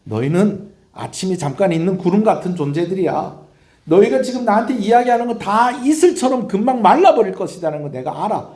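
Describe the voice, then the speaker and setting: Hurt, fed-up fatherly God, raised and emphatic, a man doing it, dark tone, echoey church. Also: high-pitched, big pitch swings, a little fast, voice pushed up. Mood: exasperated. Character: exasperated God speaking as a wounded father.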